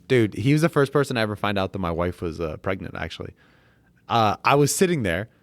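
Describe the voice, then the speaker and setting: Low-voiced man telling loose stories. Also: animated, fast talker, no room sound. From United States. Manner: loose storytelling, laughs often, lots of fillers. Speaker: podcast guest. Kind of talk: casual interview chat. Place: private club room.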